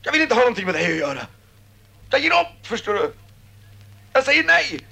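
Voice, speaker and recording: A man's voice: extremely high pitch, big pitch swings, creaky, pushed and bright, breathy edge, exaggerated voice. A man playing a despairing young soldier. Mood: agitated. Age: 20s. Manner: weary, hopeless, pleading. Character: weary despairing young male soldier back from war. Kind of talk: radio play acting.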